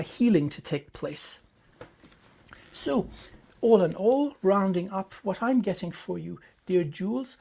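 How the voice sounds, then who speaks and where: Woman doing a rune reading, kinda low soft voice, soothing, lots of ums. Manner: soothing, affectionate, with fillers. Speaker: tarot and rune reader. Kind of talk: spiritual card reading to a viewer.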